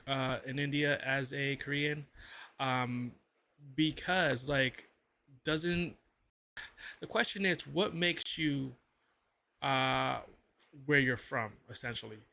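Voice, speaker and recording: Gravelly, bright-voiced man reacting. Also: mid-range voice, slow pace, pauses often, a little hiss or hum. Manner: thinking aloud, many fillers and restarts. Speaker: reaction video host. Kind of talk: casual reaction commentary.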